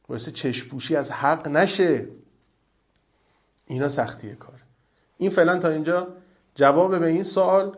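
A man giving an earnest, emphatic religious lecture as a cleric, repeating his key points. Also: mid-range voice.

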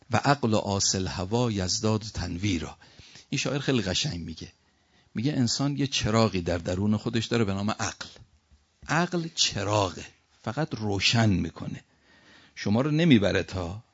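Male preacher, low husky voice, storytelling sermon, slow verse recitation, dull lo-fi recording. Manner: storytelling, rising to emphatic peaks; recites Arabic verses slowly.

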